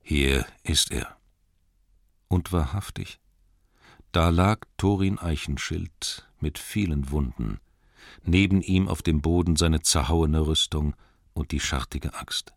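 A man reading a storybook aloud in calm, measured narration. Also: a bass voice, vocal fry, dry recording, studio quality. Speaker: audiobook narrator. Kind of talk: scripted narration.

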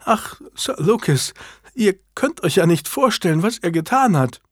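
A man voicing a teasing, emotional young townswoman in a high, soft voice for an audiobook. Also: sing-song, unhurried, dry recording, clean studio sound, exaggerated voice. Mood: tearful.

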